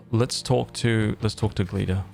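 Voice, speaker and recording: A man's voice: lowish voice, creaky, darkish tone. A man hosting a gaming video, reading game text aloud with casual slang reactions.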